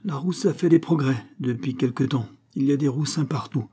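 A man's voice: mid-range voice, a little fast, warm tone, slightly rough, voice pushed up, lightly acted. A man voicing a frightened, servile older male ex-steward who speaks humbly and pleads in a spoken storybook. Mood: humble.

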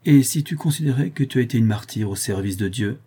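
A man reading aloud, voicing an outspoken middle-aged peasant widow in a raised, husky voice. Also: mid-range voice, lively intonation, fast, mellow. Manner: outspoken, defiant.

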